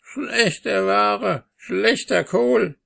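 Brief: male reader putting on a shrill, hoarse old hag, mocking and sly, storybook villain. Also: drawn-out words, bright, forceful tone, exaggerated voice. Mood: scheming. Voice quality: hoarse, cackling. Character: spiteful hook-nosed old crone, a witch.

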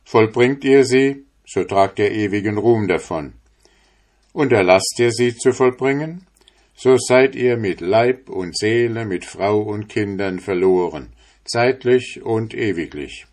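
A stern, zealous old priest, played by a man reading the tale aloud, raises his voice a little above the narrator's and hammers out his warnings in a preaching, declaiming way. The delivery is slow and weighty, and it sounds like a storybook reading. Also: fairly low pitch, a little mellow.

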